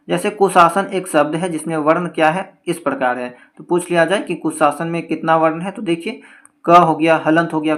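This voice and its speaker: A man teaching Hindi grammar for an entrance exam. He explains step by step, mixes in English words and keeps checking in with "theek hai". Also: a little high. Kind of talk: exam-prep lecture.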